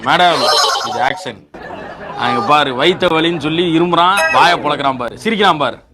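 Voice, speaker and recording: A sly comic figure in a film scene mocks and mimics a lazy young fellow, played by a man. His voice is somewhat high, with loud film music running behind. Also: moderate pace, a crowd in the background, lightly acted. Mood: mocking. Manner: mocking, teasing mimicry. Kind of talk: film comedy.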